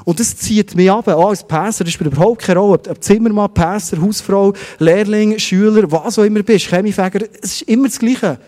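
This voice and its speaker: A man's voice: high voice, a little fast, hardly any pauses, mellow, long reverb tail. A middle-aged man preaching a sermon as pastor in a Swiss German accent, posing one rhetorical question after another.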